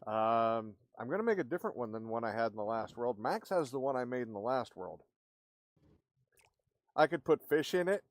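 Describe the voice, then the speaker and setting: In a dry recording, a man with a mid-range voice and lively intonation talks at a moderate pace during a casual game stream, rambling to his audience. His streaming mic runs at maximum gain, picking up obvious background noise.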